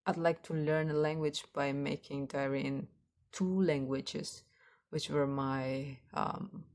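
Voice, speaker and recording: Speaking in a low, slightly mellow voice with fairly even intonation, an Indonesian-accented woman rambles loosely as if rehearsing for a vlog. Her speech is halting; she hunts for the right word and loops back over what she has said.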